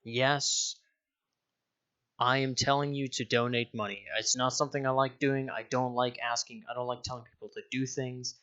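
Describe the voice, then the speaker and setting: A man's voice: medium pitch, level tone, normal speed, sharp tone, muffled recording. A young man from Denmark, a YouTuber, talking casually to his viewers, rambling, correcting himself and swearing offhand. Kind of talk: casual direct-to-camera vlog.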